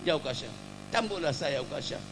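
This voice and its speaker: A man voicing a calm, gentle male prophet who speaks softly and low. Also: fairly quick, noisy background, lightly acted.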